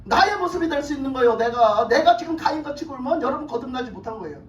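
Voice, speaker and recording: A woman pastor preaching a sermon, emphatic and animated, putting questions to the congregation and often laughing. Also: sits high, fast. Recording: echoey hall from far off.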